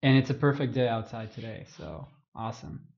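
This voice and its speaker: A man's voice: medium pitch, expressive, a little fast, vocal fry, darkish tone, dull audio. A man from Serbia co-hosting a podcast, asking the guest short casual questions. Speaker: podcast co-host. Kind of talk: casual interview talk.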